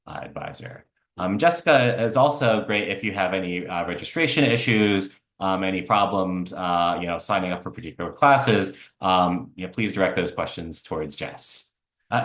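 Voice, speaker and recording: A man's voice: sits low, fairly bright tone. A man on the computer science faculty giving an online information session, talking with many fillers and restarts. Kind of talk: online info session presentation. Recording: roomy echo.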